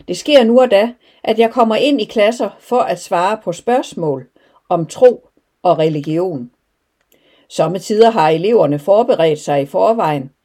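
A woman narrating an audiobook in a calm, measured first-person reading. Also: lowish voice. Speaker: audiobook reader.

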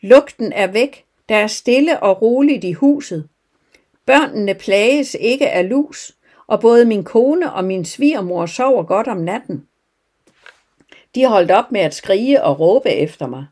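A woman's voice: mid-range voice, lively intonation, darkish tone, close to an everyday voice. A woman voicing a weary, poor male farmer who pleads in a heartfelt way. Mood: grateful.

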